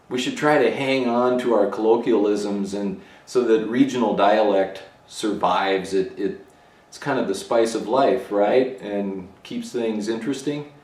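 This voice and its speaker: Recorded on a camera mic that moves about a roomy home garage workshop, sometimes far from him, a low-voiced man from Minnesota muses aloud. He's a motorcycle builder and channel host doing a casual vlog, relaxed and full of thinking-aloud fillers.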